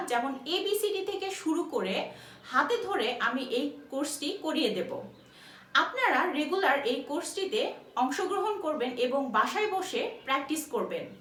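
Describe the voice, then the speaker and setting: A woman's voice: sits high, a bit bright, a little hiss or hum. A woman teaching a beginners' language class, patiently repeating each letter for her students to copy. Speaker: English teacher. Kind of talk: spoken language lesson. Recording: roomy sound, mic at a distance.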